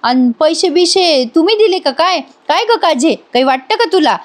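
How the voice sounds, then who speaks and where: A woman's voice: very high-pitched, normal speed, voice pushed up. A woman voicing a fussy middle-aged mother who scolds her daughter in a recap of a TV serial. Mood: scolding. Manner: scolding, excitable.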